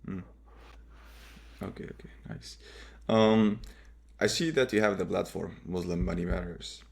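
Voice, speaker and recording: A man's voice: sits low, fairly even intonation, a little slow, vocal fry. A man hosting an interview, asking brief and polite questions. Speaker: host.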